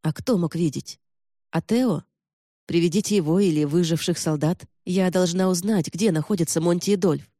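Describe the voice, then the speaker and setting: A defiant young noblewoman from a fantasy audiobook, as read by a man, firing sharp, accusing questions at an old ally. The voice is dark and mellow, recorded close and dry with no room sound. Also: sits high, moderate pace, no room sound.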